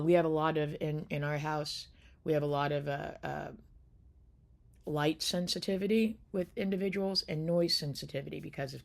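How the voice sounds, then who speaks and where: Low, gravelly-voiced woman caregiver host. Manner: loose, rambling delivery with many fillers and restarts. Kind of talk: casual talk to camera.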